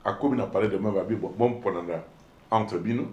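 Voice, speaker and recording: A man with a Congolese accent, a politician being interviewed, telling his story in an animated, emphatic way and switching between two languages. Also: on the low side, fairly quick, highs cut off. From Democratic Republic of the Congo. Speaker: politician guest. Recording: echoey room.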